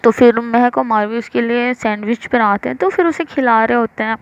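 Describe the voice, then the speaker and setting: Woman storyteller, casual rambling narration, fairly high voice, dull lo-fi recording. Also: brisk, clean tone. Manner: loose, filler-heavy retelling.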